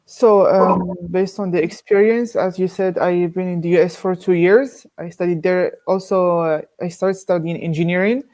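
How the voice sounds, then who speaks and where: A man's voice: high voice, fairly even intonation, moderate pace, few pauses, a little mellow. A young man from Morocco, an engineering student answering interview questions hesitantly, with many fillers.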